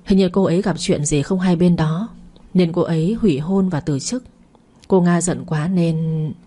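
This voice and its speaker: A woman voicing a gentle, caring young man. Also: fairly low pitch, moderate pace, slightly rough.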